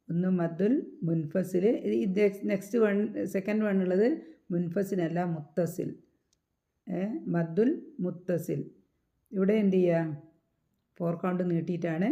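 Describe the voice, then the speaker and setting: Patient woman teaching recitation rules, lo-fi. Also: fairly low pitch. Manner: patient, asks and answers own questions; slows down to chant example words. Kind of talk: explaining recitation rules step by step.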